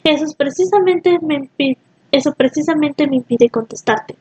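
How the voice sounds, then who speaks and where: A woman's voice: high voice, normal speed, a little mellow, lightly acted. A woman voicing a vengeful king in a storybook reading. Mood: scolding. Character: vengeful king feigning a weak voice.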